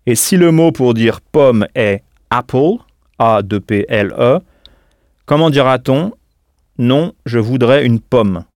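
A man leads a scripted audio language lesson at a middle pitch. He explains clearly and patiently and leaves pauses for the listener to answer. The recording is dry and close. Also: expressive, a little mellow, dry recording. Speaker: language teacher.

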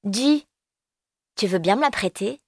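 A woman's voice: medium pitch, animated, a little slow, no room sound, studio quality. A woman voicing an eager, brave little boy.

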